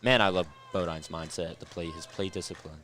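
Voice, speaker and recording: A man's voice: low-pitched, steady tone, a little fast, sharp tone, slight background noise. A young man commentating on college baseball for student radio, laid-back with a dry sense of humor. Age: young adult. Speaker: color commentator.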